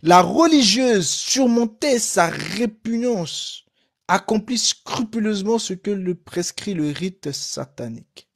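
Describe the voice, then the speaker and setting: A man's voice: high-pitched, takes it slowly, creaky. A man teaching through a story he reads aloud on a live stream, with asides to his viewers. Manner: animated, addresses the audience directly.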